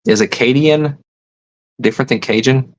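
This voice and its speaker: A man's voice: medium pitch, moderate pace, dull audio. A man hosting a casual livestream, reading viewer comments and musing aloud, often stopping to rethink his words. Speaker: livestream host.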